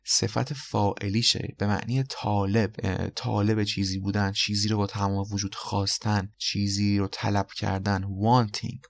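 Low gravelly male English teacher. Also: little pitch movement. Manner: explains patiently, repeats words slowly for pronunciation. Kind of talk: vocabulary lesson.

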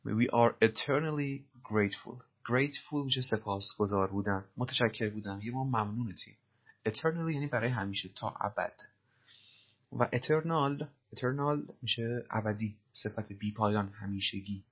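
A man with a husky voice teaching English phrases, patiently explaining and repeating them slowly. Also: on the low side, dull audio.

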